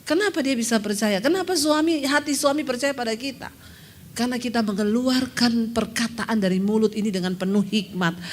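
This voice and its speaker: A woman pastor preaching a sermon, telling a personal story in a lively, chatty way and calling out to the congregation. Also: a little high, a little hiss or hum. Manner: lively, chatty, laughs often, calls out to congregation.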